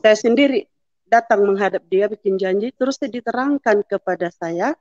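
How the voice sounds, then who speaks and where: A woman's voice: mid-range voice, normal speed, a little mellow, no echo. Middle-aged woman, testimony, storytelling, voices the dialogue, dry close sound, dull lo-fi audio. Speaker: testimony speaker. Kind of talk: personal testimony in church.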